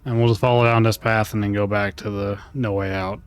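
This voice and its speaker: A man's voice: on the low side, little pitch movement, brisk, clear, resonant tone. A man chatting casually and wryly while playing a game, with joking, rambling asides. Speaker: let's play gamer. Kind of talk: casual gaming commentary.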